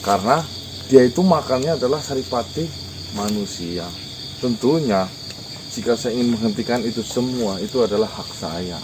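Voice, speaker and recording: A man's voice: medium pitch, expressive, moderate pace. A man hosting an encounter, talking politely and apologetically but insisting on his point. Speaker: host of supernatural encounters. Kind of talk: casual spoken dialogue. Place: outdoors at night. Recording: outdoor night recording with insect noise. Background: crickets and insects.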